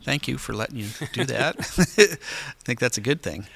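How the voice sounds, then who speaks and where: A man's voice: mid-range voice, expressive, normal speed, gravelly, fairly bright tone, breathy edge. A man hosting a podcast, chatty and prompting his guest with questions and rambling asides. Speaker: podcast host. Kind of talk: casual interview chat.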